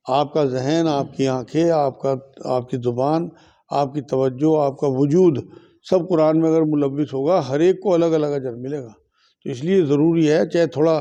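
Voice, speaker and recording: A man from India speaks as an Islamic scholar in a religious question and answer session. He repeats each question aloud, then gives a firm, steady ruling in a fairly high but mellow voice. The recording sounds dull and lo-fi.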